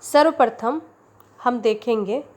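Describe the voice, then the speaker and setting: A woman teacher explaining grammar in a slow, deliberate way, repeating example sentences. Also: on the high side. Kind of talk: Hindi grammar lesson.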